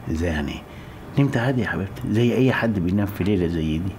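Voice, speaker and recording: An actor playing a scheming newlywed husband, speaking Egyptian Arabic in a coaxing, sweet-talking manner. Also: male voice, sits low, animated, very fast, a little mellow, a little hiss or hum. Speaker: groom. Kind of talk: film drama acting.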